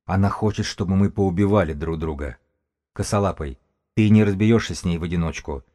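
A man voicing a small, wiry, sharp-minded male runner who argues insistently and cuttingly. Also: deep voice, fairly quick, natural voice. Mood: persuasive.

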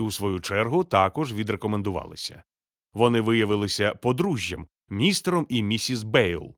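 Low-voiced man reading a storybook. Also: no room sound, studio quality. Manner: steady, measured, gently expressive reading. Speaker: narrator. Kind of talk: scripted storybook narration.

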